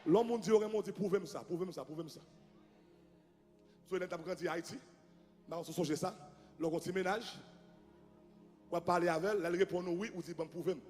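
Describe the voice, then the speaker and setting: A male pastor giving an impassioned sermon, half singing and shouting his lines. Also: high-pitched, fast, pauses often. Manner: impassioned, half-sung preaching with shouted cries. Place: large church hall. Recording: long church reverb with music behind.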